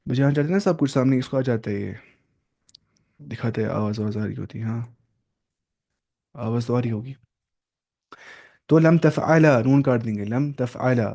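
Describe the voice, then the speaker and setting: A man's voice: mid-range voice, warm tone. Man drilling verb forms in a lesson. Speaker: Arabic teacher. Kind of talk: online grammar lesson.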